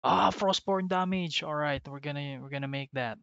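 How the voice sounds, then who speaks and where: A man's voice: on the high side, moderate pace, gravelly, sharp tone, clean tone, no echo, dull audio. A man chatting casually while gaming, reading out item names and mixing in English. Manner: reads out item names, code-switching, chuckles. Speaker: gamer co-host.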